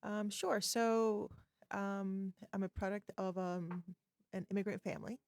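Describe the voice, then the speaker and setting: A woman's voice: mid-range voice, steady tone, measured pace, a little mellow, no room sound, clean studio sound. A middle-aged woman from Poland, a forensic psychologist guest, telling stories with many hesitant ums. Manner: hesitant, frequent ums, storytelling. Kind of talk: casual interview chat.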